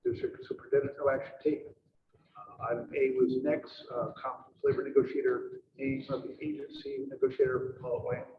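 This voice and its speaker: A man leads a school board meeting and reads agenda items and procedures aloud, pausing often on "uh". He sits well back from the mic in an echoey meeting room. The sound is dull and noisy, like a room mic on a video call. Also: mid-range voice, recorded from a distance. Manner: halting, many "uh" fillers.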